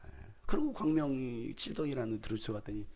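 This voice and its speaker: Husky-voiced pastor telling lively stories. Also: male voice, mid-range voice, quick pace. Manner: animated, humorous anecdotes with acted dialogue. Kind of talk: sermon with storytelling.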